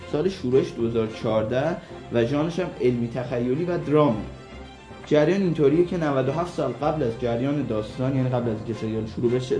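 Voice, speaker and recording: Man, radio co-host, mellow tone, teasing, casual banter. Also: medium pitch. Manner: teasing, joking. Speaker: radio show co-host recommending series.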